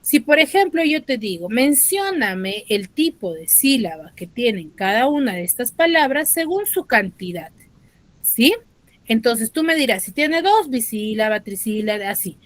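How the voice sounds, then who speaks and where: A woman's voice: on the high side, big pitch swings, no room sound. A woman teaching an online school class with a Peruvian Spanish accent, patiently explaining and checking that students follow. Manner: patient, checks understanding with tag questions, slows on key terms. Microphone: dry close mic, online class.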